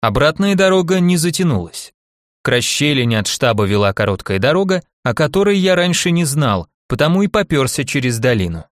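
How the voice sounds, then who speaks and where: A man narrating an audiobook in the first person with an even storytelling delivery. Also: fairly high pitch, a little fast, no room sound, clean studio sound.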